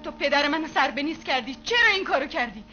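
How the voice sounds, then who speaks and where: A woman's voice: sits high, lively intonation, sharp tone, soft background music. A fierce young village woman. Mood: accusing. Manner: defiant, fierce. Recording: dull old film soundtrack with score.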